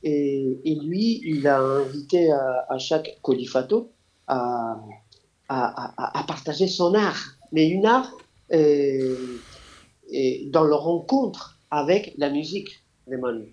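A man's voice: fairly high pitch, darkish tone. Interview guest, male, hesitant and full of fillers, lo-fi sound. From Argentina. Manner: halting, searching for words, many fillers. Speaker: guest, radio project founder. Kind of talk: interview answers. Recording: dull lo-fi sound.

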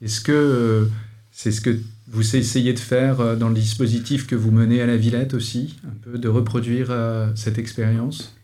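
Male moderator, mid pitch, calm and rephrasing. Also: moderate pace. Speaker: interview moderator. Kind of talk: moderating a group interview.

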